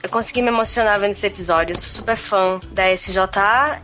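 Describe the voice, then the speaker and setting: A woman's voice: mid-range voice, brisk, fairly bright tone. A woman co-hosting a podcast, reading a listener's email aloud. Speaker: podcast co-host. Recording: faint music behind. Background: music.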